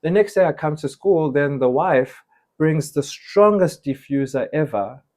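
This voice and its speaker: A man's voice: fairly high pitch, measured pace. A young man from South Africa, telling stories as an interview guest and acting out what others said. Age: young adult. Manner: animated, quotes others in little acted lines. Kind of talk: casual storytelling interview.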